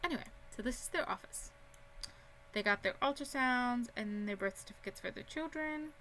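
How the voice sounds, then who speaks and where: A woman's voice: a little high, animated, normal speed, bright, forceful tone, slight background noise. A young woman casually touring a house she built in a life-simulation game, rambling and chatty with lots of ums. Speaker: Sims gaming YouTuber. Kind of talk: casual game build tour.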